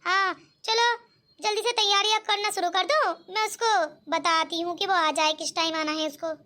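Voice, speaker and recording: A woman's voice: extremely high pitch, steady tone, normal speed, sharp tone. A woman voicing a bossy, proud middle-aged mother-in-law in a cartoon, speaking in a commanding and boastful way. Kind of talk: cartoon voice acting.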